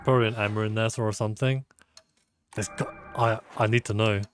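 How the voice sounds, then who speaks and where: A man streaming a game talks a little fast in a lowish voice with fairly even intonation, puzzling things out aloud. The commentary is relaxed, sleepy and self-deprecating, and there's a bit of hiss or hum.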